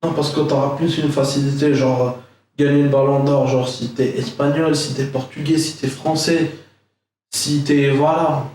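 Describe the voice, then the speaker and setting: A man's voice: medium pitch, level tone, moderate pace, darkish tone. Chatty young man in echoey room. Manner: chatty, rambling, full of fillers. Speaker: football vlogger. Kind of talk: casual reaction commentary. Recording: echoey room, far from mic.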